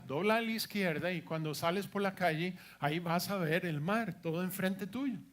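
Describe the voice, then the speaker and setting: High-voiced man preaching a testimony sermon. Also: a bit bright. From United States. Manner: storytelling, acts out quoted dialogue, emphatic repetitions.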